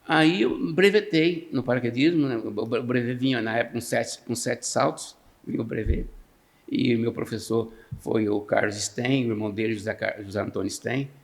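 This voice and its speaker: Gravelly-voiced Brazilian man telling stories. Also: mid-range voice, normal speed. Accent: Brazilian Portuguese. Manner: laughs often, acts out quoted voices. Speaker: podcast guest. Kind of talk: casual storytelling.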